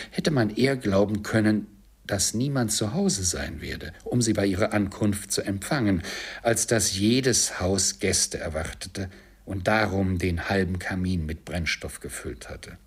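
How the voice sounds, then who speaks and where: A man narrating a classic story aloud in a measured, expressive storytelling manner. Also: on the low side, slightly rough. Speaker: audiobook narrator. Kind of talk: scripted narration.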